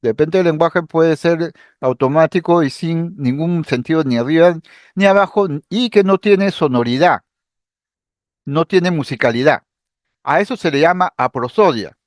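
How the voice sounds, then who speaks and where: A man giving a psychiatry lecture, explaining patiently, with lively intonation and an occasional filler or restart. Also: on the high side, normal speed, dry recording, clean studio sound. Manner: explanatory, acts out patient speech examples. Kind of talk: recorded medical lecture.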